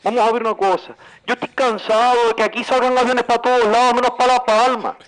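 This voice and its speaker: Aggrieved island caller voiced by a man, heard over the phone: shrill, fast-talking, keeps hammering the same complaint. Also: little pitch movement, fairly bright tone. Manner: complaining, repeats himself, fast and pushy. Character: indignant middle-aged male island caller, aggrieved and insistent. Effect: caller heard over the phone line. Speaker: radio show caller.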